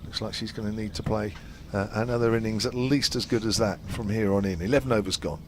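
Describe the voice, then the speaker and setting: A man giving ball-by-ball cricket commentary from a commentary box at a quiet ground, calling each delivery in steady detail. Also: on the low side, quick pace. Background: aircraft noise overhead.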